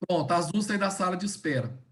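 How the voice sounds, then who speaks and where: A woman teacher giving a class over a video call. She explains step by step, slows down to stress key words, and keeps checking that her students are following. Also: on the low side, expressive. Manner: didactic, checks in often with "tá?" and "né?". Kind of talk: online class lecture.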